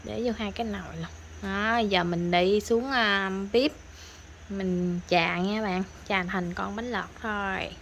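A woman's voice: mid-range voice, fairly even intonation, slow, fairly bright tone, slight background noise. A woman with a Southern Vietnamese accent, chatting playfully through a home cooking vlog in a country kitchen. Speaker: vlogger. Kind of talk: casual cooking vlog chat. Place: rural home kitchen with wood stove.

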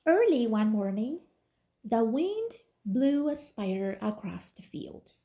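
Young woman reading a kids book, really slow and singsongy, high lively voice. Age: young adult. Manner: deliberate, sing-song, addressing young children. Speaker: toddler teacher reading aloud. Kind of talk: children's picture book read-aloud. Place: small living room, indoors on a couch.

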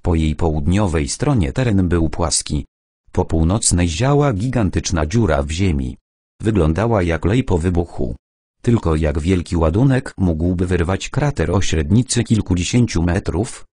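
A man narrating an adventure audiobook in the first person, calm and measured. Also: low voice, husky, no echo.

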